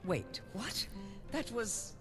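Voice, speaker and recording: An actress playing a haughty, mocking dark elf woman in a fantasy video game, with a theatrical, sneering delivery. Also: medium pitch, very animated, drawn-out words. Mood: smug, rattled. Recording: game music behind the voice.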